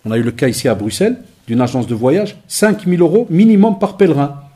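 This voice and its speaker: A man giving a lecture to young people, telling lively stories with acted-out dialogue and Arabic phrases mixed in. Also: fairly high pitch, fast, husky. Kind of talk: conference talk to young people.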